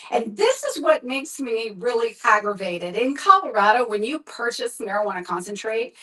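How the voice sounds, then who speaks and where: A woman's voice: medium pitch, a bit bright. A middle-aged woman giving an earnest, emphatic personal testimony as a speaker at an event. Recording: distant from the mic.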